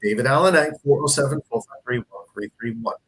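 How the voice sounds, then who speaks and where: Real estate guy on the phone, super polite, lots of sir and ma'am, even pitch. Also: fast talker, low-quality recording. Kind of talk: cold-calling on the phone.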